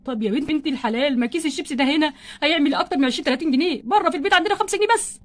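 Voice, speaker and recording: Woman doing a broke egyptian husband doll, grumbles nonstop, talks super fast in a high voice. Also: close to an everyday voice. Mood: scolding. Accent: Egyptian Arabic. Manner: exasperated grumbling, fast and wordy. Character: stingy flustered husband doll, grown man, always complaining. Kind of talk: doll play-acting.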